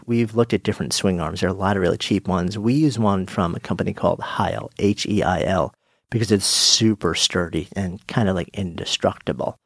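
A man with a fairly low, gravelly voice gives a casual, friendly explainer on his podcast gear, demonstrating as he goes and poking fun at himself. He starts on a studio dynamic mic on a swing arm and later switches to a headset mic, with a dry, close-miked sound and no room ambience.

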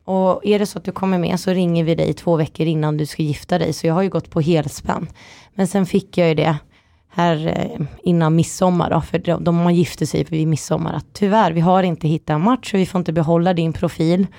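A woman guest on a chat podcast telling stories in a lively way, acting out quotes. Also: lowish voice, gravelly, no room sound. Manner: lively storytelling, acts out quotes. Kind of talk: casual chat.

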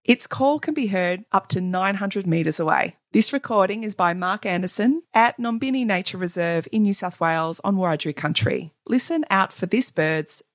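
A woman with an Australian accent and a slightly croaky voice, hosting a podcast in scripted narration. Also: mid-range voice, expressive, moderate pace, few pauses, no room sound, clean studio sound. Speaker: podcast host.

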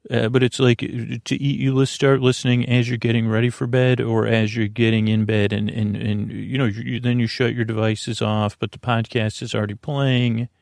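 Drifting from thought to thought, this man keeps pausing to hesitate and correct himself, like a bedtime podcast host in no hurry. His gravelly, darkish voice is flat at a moderate pace, with hardly any pauses between phrases. The recording is close and dry with no room sound.

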